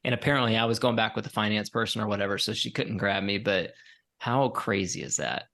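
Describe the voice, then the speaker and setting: A man in his forties co-hosting a podcast, telling a rambling story in a relaxed, tired way with many fillers. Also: on the low side, a little fast, creaky. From Colorado, USA. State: tired, yawning. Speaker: podcast co-host. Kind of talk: casual chat.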